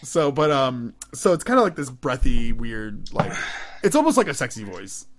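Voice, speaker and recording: A man co-hosts a casual podcast, telling stories and breaking into laughter often. His voice swings widely in pitch as he talks. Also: normal speed, a crowd in the background. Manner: laughing storyteller, animated. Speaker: podcast co-host. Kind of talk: casual chat.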